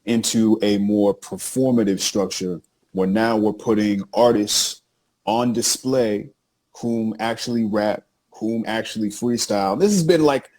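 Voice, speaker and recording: A man co-hosting a casual podcast, animated and hyping up his guest while repeating phrases. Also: medium pitch. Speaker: co-host introducing the show.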